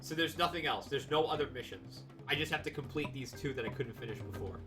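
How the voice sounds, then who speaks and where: A man streaming a video game, commenting in an excitable, profane and sarcastic way. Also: medium pitch, fast talker, over music. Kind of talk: let's play commentary.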